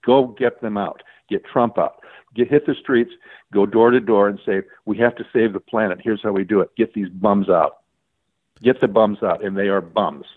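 A man's voice: fairly low pitch, steady tone, normal speed, dry recording. A man, a journalist guest on a radio interview, speaking bluntly and emphatically. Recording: tinny phone-line call.

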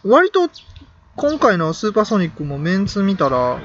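A man's voice: high voice, huge pitch swings, normal speed, fairly bright tone, highs cut off. A man with a Kansai accent chatting enthusiastically and rambling about music artists on a podcast. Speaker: podcast co-host. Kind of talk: casual chat.

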